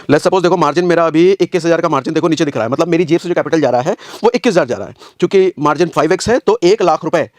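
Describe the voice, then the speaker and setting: Guy teaching trading on a screen share, high voice, talks fast, repeats stuff a lot, dry close sound. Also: dry recording. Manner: explains step by step, repeating points, asking rhetorical questions; casual, calls viewers brother.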